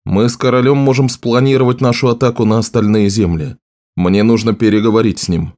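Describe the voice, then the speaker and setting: A man's voice: on the low side, fairly even intonation, a little fast, a little mellow, lightly acted. A man doing a curt, commanding general. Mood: calculating. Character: cold ambitious general, man, half-masked, proud.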